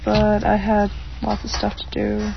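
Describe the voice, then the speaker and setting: A woman's voice: mid-range voice, monotone, unhurried, creaky. Wry teen girl, lo-fi. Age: late teens. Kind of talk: casual group chat. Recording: dull lo-fi recording with faint noise.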